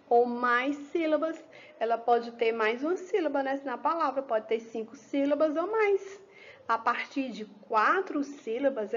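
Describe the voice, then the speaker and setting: A woman teacher with a fairly high voice talks very slowly and patiently, as if to small children. She asks a question and then answers it herself. The recording sounds a little muffled and lo-fi. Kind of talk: children's lesson explanation.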